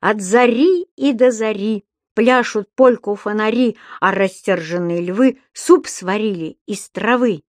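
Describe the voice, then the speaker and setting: A woman voicing a male parrot who recites silly rhymes loudly and clearly in a slow sing-song. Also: medium pitch, no echo, studio quality, close to an everyday voice. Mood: chanting rhymes.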